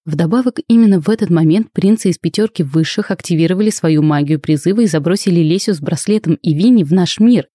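A woman reading the lines of a shrewd male academy rector who lays things out in a measured, reasoning way. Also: lowish voice, mellow, no echo, clean studio sound, lightly acted. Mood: explaining.

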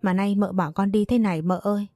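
A woman's voice: medium pitch, brisk, warm tone, no room sound, studio quality, soft background music, close to an everyday voice. A woman voicing a tearful, clueless young maid. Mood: wailing.

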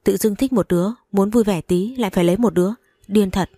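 A woman's voice: medium pitch, fast, warm tone, dry recording, studio quality, lightly acted. A woman voicing a cold-blooded, arrogant young rich man who speaks with contempt. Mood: contemptuous. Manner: contemptuous, curt.

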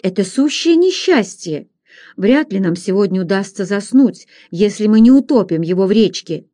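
A woman reading aloud, voicing a gruff, blunt frontier hunter who talks in a low, plain manner. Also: lively intonation, moderate pace, warm tone, close to an everyday voice.

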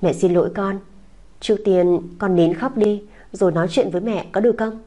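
A woman voicing a young mother who soothes a crying child in a soft, coaxing, tender way. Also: medium pitch, brisk, lightly acted. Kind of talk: audiobook character voice.

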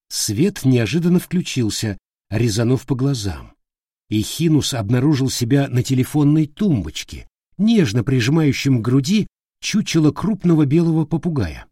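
Husky, expressive male narrator. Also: mid-range voice, dry recording, clean studio sound. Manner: expressive storytelling. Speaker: audiobook narrator. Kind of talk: scripted audiobook narration.

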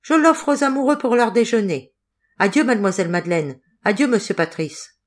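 An odd young hunter in an audiobook, unsettlingly calm and slightly mocking, as a woman reader puts him on. His lines come a touch higher and louder than the narration. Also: brisk. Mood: serene.

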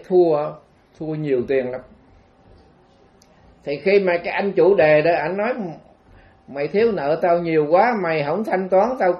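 A man with a Southern Vietnamese accent, a Buddhist monk telling a story in a dharma talk, chatty and full of fillers, on a dull lo-fi recording. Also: fairly high pitch. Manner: chatty, meandering, frequent fillers.

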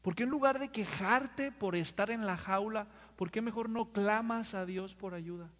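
A pastor preaches in a high, bright voice to his congregation. He keeps asking them questions, pushing them to answer. His words ring out with the long reverb of a big church hall. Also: normal speed. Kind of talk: sermon.

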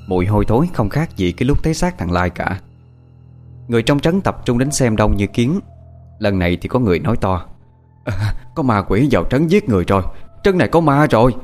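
A man's voice: on the low side, darkish tone. A man narrating a horror story with dramatic storytelling.

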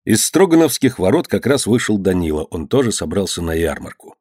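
A man's voice: low-pitched, brisk, husky, dry recording, studio quality. A man narrating a historical novel in a storyteller's manner. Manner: expressive storytelling, acts out characters. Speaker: audiobook narrator.

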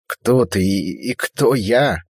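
A man voicing a frightened, injured young girl who pleads hoarsely in pain. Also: on the low side, animated, slow pace, no room sound, studio quality, voice pushed up, heavily acted.

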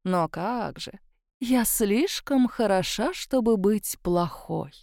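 A woman voicing a sardonic female ghost of a dead woman, speaking low and mocking, in an audiobook. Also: very animated, unhurried, mellow, dry recording, clean studio sound. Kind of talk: audiobook character voice.

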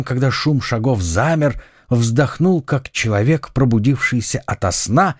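Expressive male audiobook narrator. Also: medium pitch, no echo, studio quality. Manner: expressive, dramatic. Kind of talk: scripted narration.

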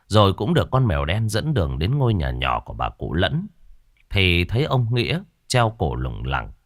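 A man reading a ghost story aloud in an animated, theatrical style. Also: low-pitched, normal speed, no echo, studio quality. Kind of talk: dramatic ghost story narration.

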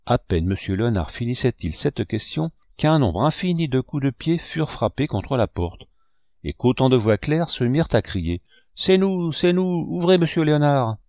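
A man reading a classic novel aloud in a measured storytelling manner. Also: mid-range voice, big pitch swings, a little mellow, no room sound, studio quality. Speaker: audiobook reader. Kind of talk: scripted narration.

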